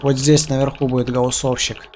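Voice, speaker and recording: A man giving casual gameplay commentary as a streamer, in rough Russian street slang with swearing. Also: medium pitch, little pitch movement, moderate pace. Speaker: video game streamer. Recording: clearly noisy background.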